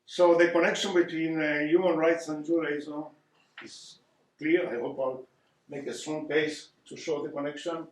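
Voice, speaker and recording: An older Argentine man with an Argentine Spanish accent delivers an earnest public lecture as a guest speaker in a community hall, frequently hesitating and repeating words while searching for them. His voice is a little high, with fairly even intonation and a moderate pace. The hall is echoey and the mic sits at a distance.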